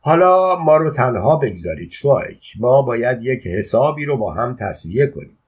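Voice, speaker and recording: A man's voice: mid-range voice, big pitch swings, slightly rough. A man reading an audiobook voices an army chaplain who speaks curtly and gives orders. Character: brusque middle-aged male army chaplain. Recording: dull lo-fi audio.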